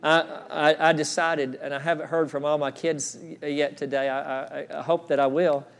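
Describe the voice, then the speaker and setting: A middle-aged male pastor preaching a sermon in a church, earnest, repeating phrases and dropping to a soft hush for quoted words. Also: on the high side, little pitch movement, moderate pace, creaky, clean tone. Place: church sanctuary.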